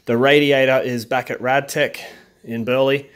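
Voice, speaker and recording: In a casual workshop vlog, a breathless man walks through fixing his car in his home garage. His mid-range voice is flat and moves at a normal pace, and his plain-spoken talk wanders with plenty of ums.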